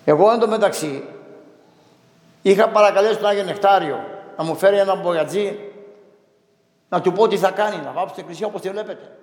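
Priest guy, fairly high gravelly voice, slow emphatic storytelling, roomy church echo. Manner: slow, emphatic, quotes dialogue animatedly. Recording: echoey church with long reverb.

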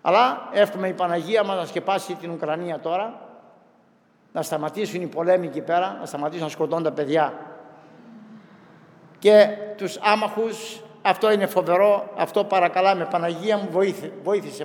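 A man with a high voice preaches a fervent sermon as a priest. His voice rises and presses with emphasis. The long reverb of a church hangs behind every phrase. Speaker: Orthodox priest.

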